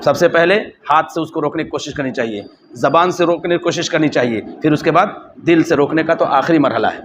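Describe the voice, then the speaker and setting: A man teaching a lesson on an Arabic text, reading phrases slowly and then repeating them in explanation. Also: a little high, background noise.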